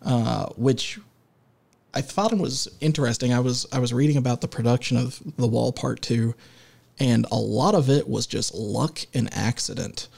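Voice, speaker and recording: A man co-hosting a relaxed music podcast, talking in a mid-pitched, gravelly voice. He stops and restarts often, filling gaps with "uh" as he steers the conversation. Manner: halting, many filler sounds and restarts; leads the discussion and segues. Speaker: podcast co-host. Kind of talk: casual music podcast chat.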